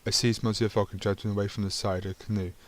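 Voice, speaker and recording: A man's voice: on the low side, level tone, fast talker. A man reading a narrative game's text aloud, stumbling over words and adding dry asides of his own. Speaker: gaming channel host.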